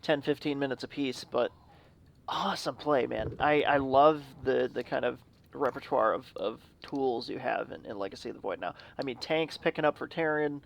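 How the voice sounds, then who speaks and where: A man co-casting a live video game match, enthusiastic and quick to laugh. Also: medium pitch, gravelly, slight background noise. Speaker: esports co-caster.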